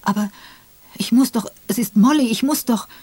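A woman reader voicing a distraught young husband who shouts high and strained. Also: fairly even intonation, normal speed, gravelly, slightly rough, dry recording. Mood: desperate.

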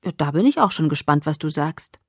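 A cryptic teenage boy with a soft, measured, teasing voice, read by a woman. The voice sits low for a woman, and the sound is dry and close. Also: lively intonation, breathy edge, dry recording, full character voice.

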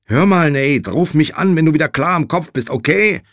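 A man voicing a worried man on a phone who shouts and pleads urgently. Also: mid-range voice, big pitch swings, unhurried, no room sound, clean studio sound, voice pushed up. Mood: frantic.

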